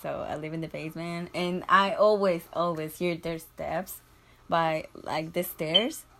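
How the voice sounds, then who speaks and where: An eighteen-year-old woman being interviewed, talking casually and haltingly with lots of fillers. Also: deep voice, steady tone, sharp tone.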